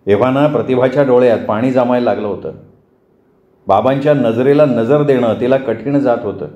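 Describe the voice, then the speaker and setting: A man with a Marathi accent reading a story aloud in a measured, expressive way. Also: medium pitch. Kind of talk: scripted story narration. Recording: roomy, dull lo-fi recording.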